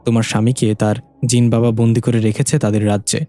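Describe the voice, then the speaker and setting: A man's voice: lowish voice, little pitch movement, quick pace, warm tone, lightly acted. A man voicing an angry, grieving father who speaks sternly and harshly.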